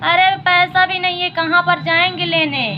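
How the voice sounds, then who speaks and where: A man's voice: very high-pitched, flat delivery, moderate pace, muffled recording, soft background music, pitched above the performer's own voice. A woman voicing a sleepy, grumbling village dad. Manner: pleading, tired grumbling. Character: poor village father, sleepy and easygoing.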